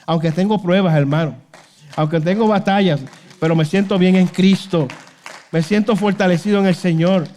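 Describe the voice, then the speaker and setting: Brief: male pastor, high voice, fervent sermon, rhetorical questions, constant "hermano". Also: fairly even intonation, normal speed, a little mellow, slight background noise. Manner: fervent preaching, constant "hermano" and "aleluya" interjections; rhetorical questions, voice rises and falls sharply.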